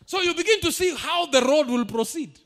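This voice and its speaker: Male pastor, very high voice, lively swooping delivery, emphatic sermon with shouted peaks. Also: brisk. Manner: emphatic preaching, rising to shouts, drops into Swahili asides.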